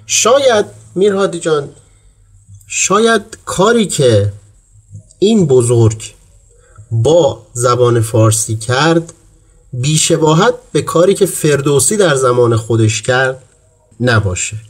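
A man's voice: a little high, expressive, long pauses. A man hosting a literary talk programme in a formal, courteous manner. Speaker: host.

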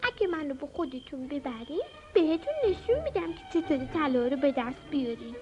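A woman's voice: high voice, very animated, pitched above the performer's own voice. A woman voicing a tiny, clever, thumb-sized boy in a storybook, bold and cheeky. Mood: sly. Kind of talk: storybook character voice. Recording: dull lo-fi audio with music.

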